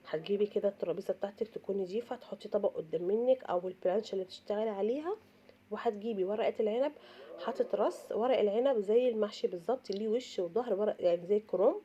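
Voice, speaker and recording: Casting: Egyptian woman, middle-aged home-cooking host, rapid chatty delivery, slightly husky tired voice with a cold, dull lo-fi audio. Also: mid-range voice, dark tone. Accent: Egyptian Arabic. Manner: chatty, repeats and emphasizes points, addresses viewers directly. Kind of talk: informal step-by-step cooking tutorial.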